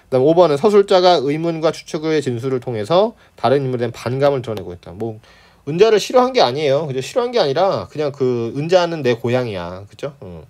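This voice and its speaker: A man's voice: mid-range voice, very animated, a little mellow. A man tutoring students through an exam problem set, chatty, often asking "right?" and scoffing at wrong answer choices. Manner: acts out characters in quick playful asides. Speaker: Korean literature tutor. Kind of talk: exam lecture walkthrough.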